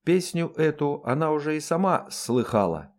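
A man narrating an audiobook in a lively, expressive reading voice. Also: on the high side, normal speed.

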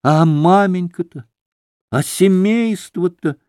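A man's voice: high voice, takes it slowly, darkish tone, dry recording, studio quality, pitched above the performer's own voice. A man voicing a desperate, poor staff captain who keeps pleading and breaking off his words. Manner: imploring, breaking off mid-plea.

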